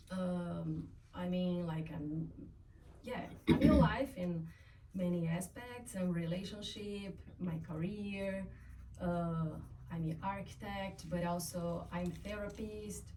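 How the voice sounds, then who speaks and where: A woman from Brazil with a Brazilian accent and Portuguese as her first language, haltingly introducing herself to ask for guidance. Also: on the low side, mellow. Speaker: audience member asking for guidance. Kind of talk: personal, halting self-introduction. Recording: distant mic with faint noise.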